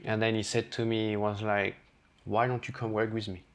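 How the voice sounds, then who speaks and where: French-accented chef telling kitchen stories. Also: male voice, fairly low pitch, fairly quick. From France. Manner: candid, animated, acts out quoted lines. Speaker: chef, podcast guest. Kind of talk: casual storytelling interview.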